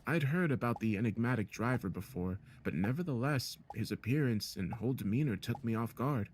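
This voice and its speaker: A man reading a first-person horror story as narrator in a steady, measured way. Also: mid-range voice, slight background noise. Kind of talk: scripted narration.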